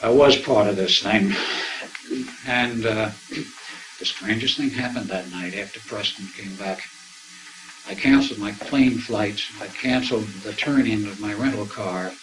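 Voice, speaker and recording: An older man with a fairly low voice tells his story in a loose, conversational way. He acts out what others said as he goes, over a faint hiss in the background. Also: a little slow. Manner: rambling, conversational, acts out quoted dialogue. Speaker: speaker recounting personal experiences. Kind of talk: anecdotal storytelling.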